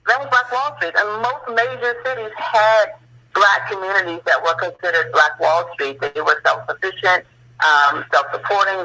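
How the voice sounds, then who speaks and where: A man's voice: sits high, pushed and bright, rough recording. A man speaking as a guest on a radio talk show, telling history in an earnest way that rises to impassioned questions.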